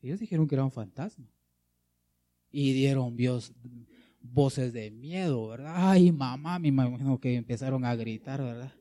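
A man's voice: medium pitch, normal speed, mellow. A man preaching a sermon, reading scripture aloud and addressing listeners as brother.

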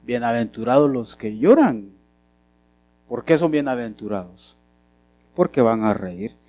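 A man preaching a sermon as pastor, often putting questions to the congregation and swinging between loud and soft. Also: medium pitch, very animated, measured pace, no room sound.

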